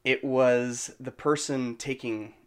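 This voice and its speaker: A man co-hosts a casual podcast about indie filmmaking. He tells stories haltingly, restarting and repeating words along the way. His voice sits at a middle pitch. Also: steady tone, clean tone. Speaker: podcast co-host. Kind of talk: casual chat.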